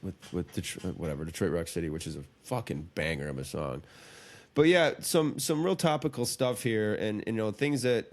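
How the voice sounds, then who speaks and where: A man's voice: fairly low pitch, darkish tone. A man co-hosting a podcast in casual, crude, joking chat that rambles and restarts. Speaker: podcast co-host.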